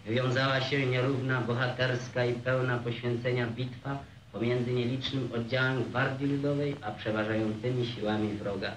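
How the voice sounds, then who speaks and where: A man reading a wartime account in a flat, measured way, heard on an old newsreel soundtrack. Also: mid-range voice. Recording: echoey, distant, noisy old film sound.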